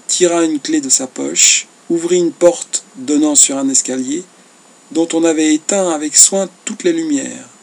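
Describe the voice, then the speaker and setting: Gravelly, husky male audiobook narrator. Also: fairly high pitch. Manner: measured, expressive reading. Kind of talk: audiobook narration of a classic novel.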